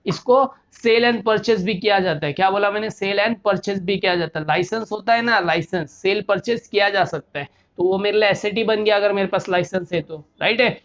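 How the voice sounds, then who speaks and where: A man's voice: high-pitched, a little fast, few pauses, fairly bright tone. Male commerce lecturer, rhetorical questions, repeats key terms, muffled lo-fi audio. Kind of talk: classroom lecture. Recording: dull lo-fi recording.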